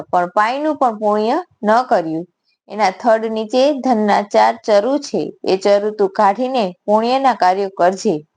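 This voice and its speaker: A woman with a Gujarati accent and a fairly high-pitched voice narrates a devotional fasting story in a steady reading voice. She gives the story's animals short quoted lines of their own.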